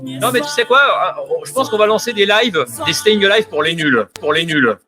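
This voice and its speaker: Brief: male DJ host, high and lively voice, teasing banter, music playing underneath. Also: moderate pace. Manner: joking, teasing, laughing, sing-song. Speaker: DJ and live show host. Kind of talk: playful blind test live chat.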